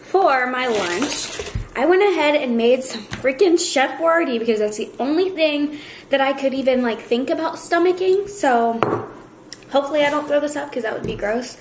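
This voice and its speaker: A young woman vlogs casually in her home kitchen, chatty and full of fillers, feeling nauseous and worn out. Her high voice is animated at a moderate pace, recorded in an echoey room with a noisy background.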